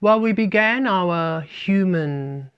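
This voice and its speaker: A man giving a spiritual talk, speaking of himself as "we" and shifting between playful and calm. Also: sits high, slow pace, clear, resonant tone. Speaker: spiritual teacher. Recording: dull lo-fi recording.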